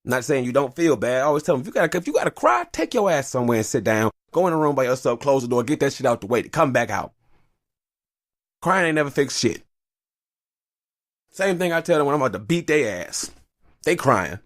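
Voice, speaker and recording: Animated ranting man, podcast host. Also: a little fast, no room sound, clean studio sound. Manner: animated, profane ranting with big pitch jumps. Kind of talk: solo rant podcast.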